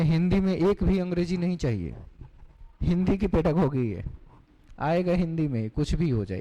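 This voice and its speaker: High-voiced guy teaching a class, mellow tone, big echoey hall, keeps asking students stuff. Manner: explanatory, asks the class questions, mixes in English terms. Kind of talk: classroom lecture. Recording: long hall reverb.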